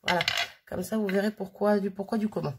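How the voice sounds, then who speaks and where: A woman's voice: mid-range voice, steady tone, brisk, background noise. A woman chatting casually through a hands-on craft demo, full of fillers and little "hop" sounds as she works. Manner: chatty, filler-heavy, frequent "hop" while working. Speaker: crafting vlogger.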